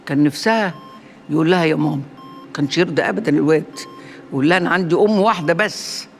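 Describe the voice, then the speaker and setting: An actress playing a fierce, sharp-tongued older matriarch in an Egyptian TV drama, speaking with an Egyptian accent. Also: female voice, low-pitched, quick pace, soft background music. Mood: grieving. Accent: Egyptian Arabic. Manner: sharp, mocking, threatening.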